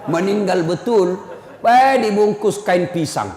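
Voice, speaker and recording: A man's voice: high-pitched, measured pace, background noise. A man preaching a humorous sermon, telling stories and switching voices. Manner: animated storytelling, jokey, switches voices. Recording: echoey hall with long reverb.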